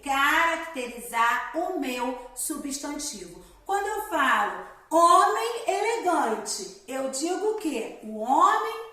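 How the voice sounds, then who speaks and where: With a high, bright, forceful voice, a woman who teaches primary school delivers a recorded grammar lesson from home. She explains each step and keeps checking in with the class, frequently saying "né?" and "galerinha". The mic is distant and the room strongly echoey.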